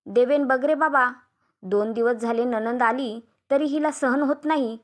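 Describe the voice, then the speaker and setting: A woman's voice: a little high, unhurried, lightly acted. A woman voicing an older mother-in-law who complains and scolds on her daughter's behalf. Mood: scolding.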